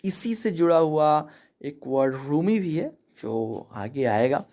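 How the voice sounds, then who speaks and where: A man's voice: a little high, lively intonation, slow, mellow. Chatty man teaching English word meanings. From India. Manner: chatty, explanatory, often ends points with "theek hai". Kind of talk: casual vocabulary lesson over slides.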